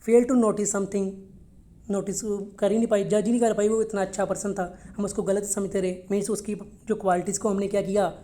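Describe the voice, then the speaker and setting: Mellow-voiced woman teaching vocabulary. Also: medium pitch, little pitch movement, a little fast. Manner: explains words in Hindi mixed with English, repeats each word for pronunciation; checks in with frequent "okay?". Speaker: English teacher. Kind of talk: vocabulary lesson for test prep.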